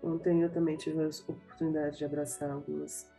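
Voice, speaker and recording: A Brazilian woman chatting casually as host, cheerful and quick to laugh. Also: deep voice, level tone, vocal fry, warm tone, faint music behind. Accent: Brazilian Portuguese. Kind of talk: casual chat.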